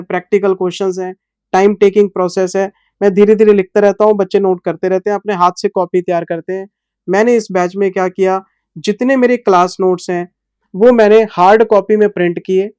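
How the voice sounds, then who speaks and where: Male teacher, slow and patient, fatherly toward students; smooth, dry delivery. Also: sits high, darkish tone, no room sound. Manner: fatherly, calls students "son". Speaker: accounting teacher. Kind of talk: explaining course details to students.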